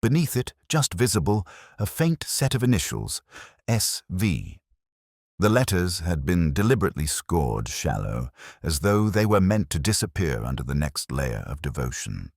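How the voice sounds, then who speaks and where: A male actor with an extremely deep, creaky, slightly rough yet slightly mellow voice plays a brooding English police inspector, giving a literary first-person scripted narration of his investigation. His solemn, hushed delivery is measured, but the pitch swings widely through each reflective line in a full character voice. The audio is dry and close, with no echo, like audio drama narration.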